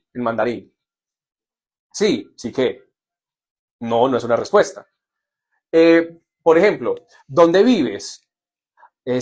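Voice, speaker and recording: Lively man teaching a live class. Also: fairly high pitch. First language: Spanish. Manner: lively, jokey, asks "¿listo?" often. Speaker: English teacher. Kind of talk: live online lesson.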